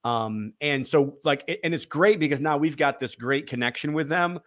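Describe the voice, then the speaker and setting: A man's voice: a little high, normal speed, fairly bright tone. A man as an interview guest, rambling casually with many fillers and restarts.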